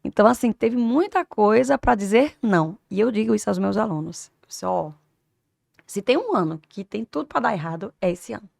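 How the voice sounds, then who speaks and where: Woman in her 50s, very gravelly voice, dry close sound, emotional story told with big swings in loudness. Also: mid-range voice, normal speed, dry recording. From Brazil. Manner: animated storytelling, swings from hushed to loud. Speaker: guest, teacher and doctor. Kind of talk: emotional personal story in an interview.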